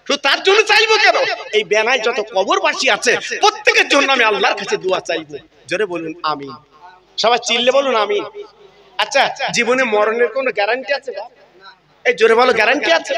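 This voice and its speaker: A man preaching a comic Islamic sermon to a crowd, joking, shouting and turning emotional. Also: high-pitched. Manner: humorous, shouting, emotional swings, addresses crowd.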